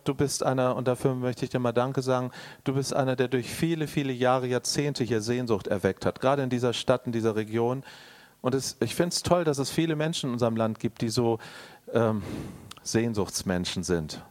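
A man preaching a sermon, addressing the congregation directly and swinging between loud emphatic bursts and quiet, intimate asides. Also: mid-range voice, fairly quick. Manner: addresses the listener directly and personally.

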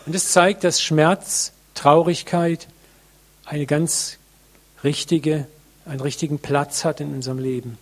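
A man preaching a sermon to a congregation, earnest and reflective, with many pauses, addressing listeners directly. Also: on the high side, fairly even intonation.

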